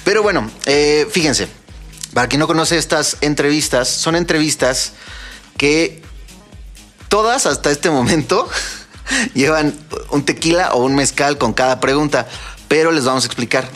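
A man's voice: on the high side, animated, a bit bright, faint music behind. Chatty Mexican man hosting a podcast. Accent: Mexican Spanish. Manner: chatty, slangy, quick asides. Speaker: podcast host. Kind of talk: casual chat.

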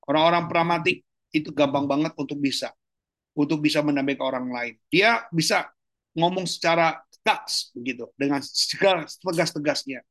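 A man, a pastor, giving a casual teaching talk on a video call, colloquial and animated, jumping up in pitch for emphasis. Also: moderate pace, no room sound. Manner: animated, colloquial, jumps high in pitch for emphasis and laughs often. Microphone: online video call.

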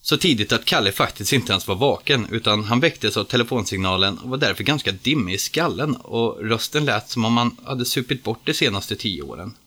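A man reading a story aloud as narrator. His voice sits low but sounds bright and forceful. He tells it steadily and plainly. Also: expressive, few pauses.

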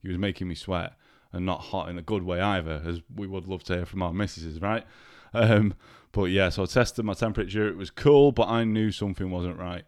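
Talking fairly quickly in a low, darkish voice, this solo podcast host chats casually, cursing freely and addressing listeners directly. He sounds sick and congested, and the clean studio sound has no room ambience.

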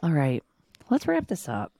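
A woman's voice: sits low, moderate pace, creaky, dry recording, clean studio sound. A woman in her thirties co-hosting a home podcast in casual chat, playful and teasing. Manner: playful teasing, animated imitations. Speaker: podcast co-host. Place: home basement studio.

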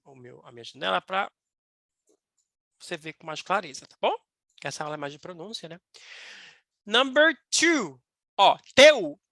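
An upbeat Brazilian woman teaches English pronunciation, and her voice swings widely up and down. Her tone is bright and clear. She speaks slowly and repeats each word, in a dry, close recording. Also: mid-range voice, no echo. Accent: Brazilian Portuguese. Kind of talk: online pronunciation lesson.

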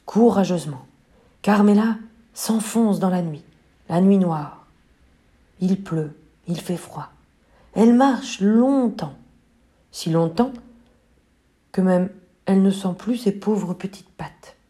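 Woman reading a kids picture book out loud, expressive, big pauses. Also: on the low side. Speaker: storyteller.

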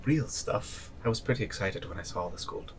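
A man's voice: fairly low pitch, expressive, normal speed. A man talking casually as a player during a tabletop role-playing game. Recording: slightly distant mic, faint noise.

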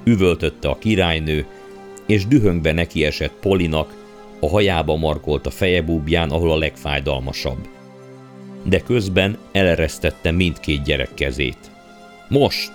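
A man narrating a storybook audiobook in a measured, dramatic way. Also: very deep voice. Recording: faint background music.

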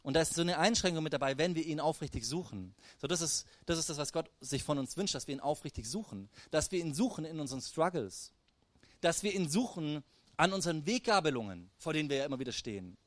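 A man preaching a sermon in a lively, direct way, often turning to the congregation with questions and calls. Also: on the high side, fast talker, dry recording. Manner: lively, addresses the audience directly with "hey" and "wisst ihr".

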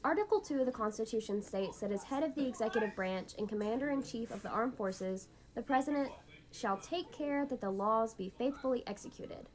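Hosting an educational podcast, a woman with a fairly high voice reads from a script and explains each point as if teaching a lesson, talking a little fast.

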